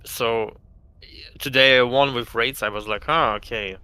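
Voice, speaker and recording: A man's voice: mid-range voice, steady tone, pushed and bright, clean tone, no echo. A man joining a livestream to ask for advice, speaking hesitantly with many fillers. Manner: hesitant, halting with fillers and restarts. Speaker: viewer on a call. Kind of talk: casual chat.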